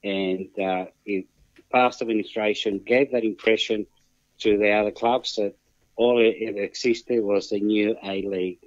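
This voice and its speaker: Slow, deliberate Australian man on muffled audio. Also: lowish voice, fairly even intonation, no echo. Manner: formal, deliberate, halting phrasing. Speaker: phone-in guest on a football show. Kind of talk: measured discussion. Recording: muffled lo-fi phone line, very dry.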